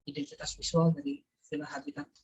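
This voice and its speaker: A man's voice: very high-pitched, lively intonation, fast talker, gravelly, darkish tone. A man moderating an online conference Q&A, speaking hesitantly with many fillers while his video-call audio cuts in and out. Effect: choppy video-call audio breaking up. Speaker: panel moderator.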